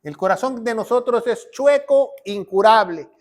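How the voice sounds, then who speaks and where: A man's voice: extremely high pitch, normal speed. A man preaching as a pastor and Bible teacher, asking rhetorical questions and reading verses aloud. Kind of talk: sermon teaching.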